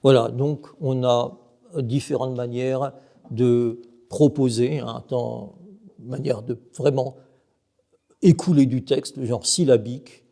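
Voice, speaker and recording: Taking it slowly, a middle-aged monk lectures emphatically on Byzantine chant, chanting short illustrations and questioning his audience. The voice is mid-range, creaky and dark, with a steady tone.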